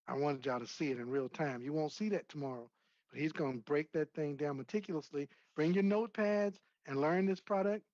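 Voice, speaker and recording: A man's voice: on the high side, a little fast, a little mellow, no room sound, lo-fi sound. A man on a video call giving an emphatic, motivational company training, urging his listeners on. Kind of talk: motivational sales pep talk.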